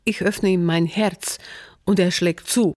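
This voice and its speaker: A woman reading her own scripted literary narration in a measured, poetic way. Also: on the low side, fairly even intonation, darkish tone, dry recording, studio quality. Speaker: author and narrator.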